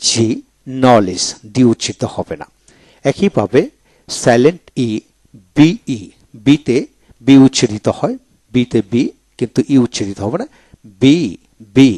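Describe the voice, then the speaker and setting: Man spelling words out slowly. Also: medium pitch, lively intonation, darkish tone, no room sound. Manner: spells words letter by letter, then repeats them slowly. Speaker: English pronunciation teacher. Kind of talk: video lecture.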